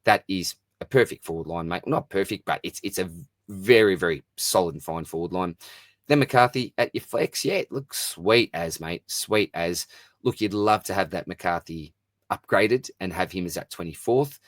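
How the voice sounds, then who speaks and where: Deep-voiced, blokey man hosting solo. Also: normal speed, no echo, clean studio sound. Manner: chatty, blokey, matey, informal slang. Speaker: host of a fantasy sport Q&A show. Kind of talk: casual solo mailbag commentary, reading out questions and answering.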